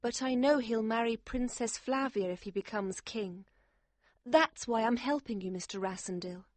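A pale, frightened young woman who pleads urgently, as a woman acts her out. Her voice sits high and anxious. The recording is close and dry. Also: moderate pace, no room sound, lightly acted. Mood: sad.

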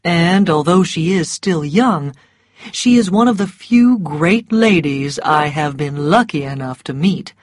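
A woman voicing a cynical, mocking gentleman who speaks in a bored, drawling way. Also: on the low side, animated, unhurried, no room sound, studio quality. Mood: wry.

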